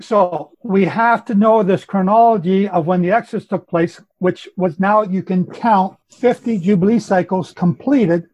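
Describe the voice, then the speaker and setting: A man's voice: high voice, moderate pace, few pauses, a little mellow, dull audio. A man with a Canadian accent explaining Bible chronology to a group on a call, insistent and explanatory. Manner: insistent, explanatory, self-correcting.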